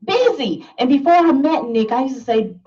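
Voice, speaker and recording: A woman's voice: sits high, animated, moderate pace, dark tone, far from the mic, muffled recording. A woman giving an emphatic motivational talk to a live audience, laughing and asking the listeners questions. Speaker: motivational speaker.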